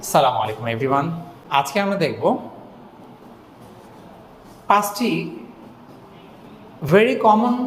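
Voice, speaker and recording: A man teaching English pronunciation in a casual, joking way, slowly repeating words to model how they sound. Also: a little high, roomy sound, big-room sound, slight background noise. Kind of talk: casual spoken lesson.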